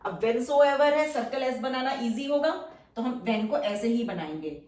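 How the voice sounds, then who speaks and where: Female shorthand tutor, slightly high voice, patient, stretches out key words, roomy sound from off-mic. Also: animated, darkish tone, distant mic. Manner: slow, drawn-out model words between quick explanations. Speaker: shorthand teacher. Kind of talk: step-by-step lesson. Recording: echoey room, voice from off-mic.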